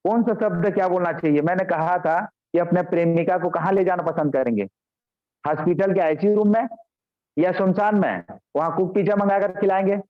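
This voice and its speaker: A man's voice: sits high, a little fast. A man giving a motivational business training on a video call, repeating key points and often addressing his listeners directly. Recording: dull lo-fi call audio.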